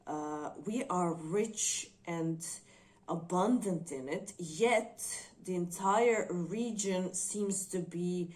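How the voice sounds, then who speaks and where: Slow, low-voiced woman. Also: a little mellow. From Croatia. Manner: thoughtful, hesitant, frequent filler pauses. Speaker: movie reviewer. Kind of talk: unscripted video commentary.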